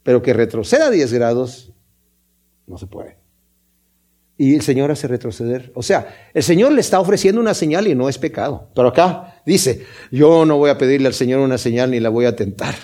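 A man's voice: medium pitch, lively intonation, mellow. A man preaching a sermon, explaining a scripture passage step by step and asking his listeners questions as he goes. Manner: explains step by step, pausing to ask the congregation.

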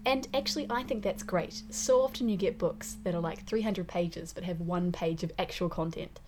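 A New Zealand woman chats casually as a podcast co-host, giving frank, opinionated views. Her voice sits slightly low for a woman. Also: moderate pace, noisy background. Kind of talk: casual review chat.

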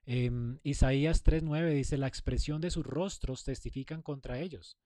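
A man's voice: medium pitch, a little slow, mellow, no echo, clean studio sound. A man giving a conversational sermon, acting out sample replies to a spouse. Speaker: preacher. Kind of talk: sermon on marriage communication.

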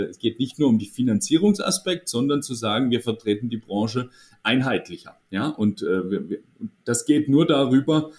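A man's voice: medium pitch, a little mellow. Hesitant man, guest on a podcast. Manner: hesitant, thoughtful, many fillers and restarts. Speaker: association managing director, guest. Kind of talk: podcast interview.

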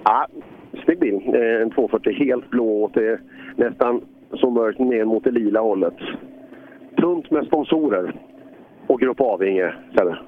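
A man's voice: medium pitch, phone-quality sound, slight background noise. A man doing live rally commentary, chatty with a dry sense of humor.

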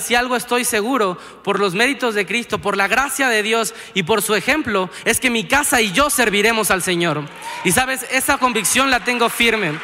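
A young preacher with a high, ringing voice speaks earnestly to his congregation. He keeps turning to the listener with a direct question. His voice carries through a reverberant church hall. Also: sharp tone. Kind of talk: sermon. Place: church auditorium.

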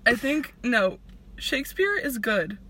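A woman's voice: fairly high pitch, sing-song, takes it slowly, sharp tone. Young woman, podcast co-host, giggly casual storytelling, lots of "like", noisy recording. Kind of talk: casual chat. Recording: noisy background.

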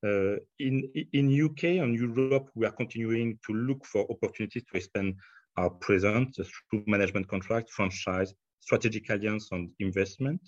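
A man's voice: fairly low pitch, moderate pace, no room sound, muffled recording. A man with a French accent answering in a business interview, hesitant, with many fillers and restarts. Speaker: hospitality executive.

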